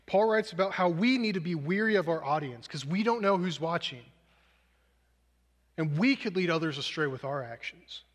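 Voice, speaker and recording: Earnest male preacher with a fairly high voice, self-mocking asides, lingering hall echo. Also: a bit bright. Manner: earnest, self-deprecating, uses movie examples. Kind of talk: sermon. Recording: long hall reverb.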